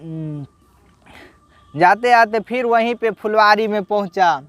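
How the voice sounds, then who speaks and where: A man with a high-pitched voice narrates a devotional folk story at a slow, halting pace. He voices the characters' quoted lines as he goes. The sound is dry and close. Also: a bit bright, no room sound. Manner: unhurried, halting retelling with restarts and acted quotes. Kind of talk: casual spoken religious story.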